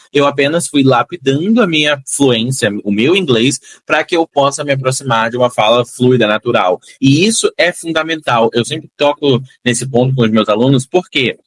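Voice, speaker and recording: Brazilian English teacher, dry close voice. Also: male voice, on the high side, expressive, no echo. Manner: demonstrates pronunciation by repeating phrases slowly; encouraging, motivational asides to students. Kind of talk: online English lesson.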